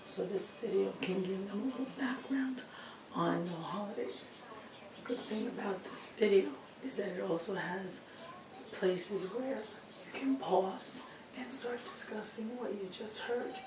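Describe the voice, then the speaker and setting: Having lost her voice, this female teacher presents her lesson casually in a strained, croaky, breaking tone, effortfully straining to carry and frequently slipping into a breathy whisper. She speaks at a mid-range pitch, slightly on the slow side. Background noise is clearly audible, and the distant microphone picks up a lot of room.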